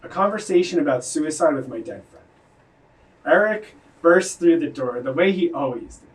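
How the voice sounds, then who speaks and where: A man's voice: on the high side, animated, normal speed, distant mic. A man performing his own spoken word poetry live, with an earnest, confessional delivery.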